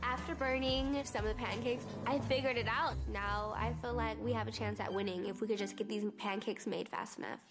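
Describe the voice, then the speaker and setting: A woman's voice: a little high, steady tone, a little fast, few pauses, soft background music. Woman giving a reality show confessional. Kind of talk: confessional interview.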